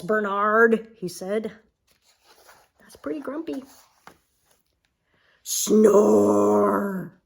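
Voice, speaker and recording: An older woman with a gentle grandma voice reads a picture book aloud to a young child, often dropping into soft, breathy asides. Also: medium pitch. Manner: gentle grandma voice, slow and expressive.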